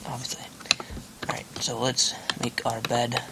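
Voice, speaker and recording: A young man hosting a gaming channel speaks in a creaky, monotone, medium-pitched voice, a little slowly. His casual gameplay commentary rambles, with self-mocking jokes and plenty of fillers, against keyboard clicks and typing in a noisy home recording.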